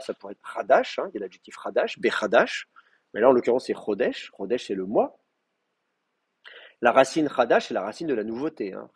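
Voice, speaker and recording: A man's voice: medium pitch, slightly rough. A male teacher giving a live class, explaining step by step with many fillers and checking that students follow.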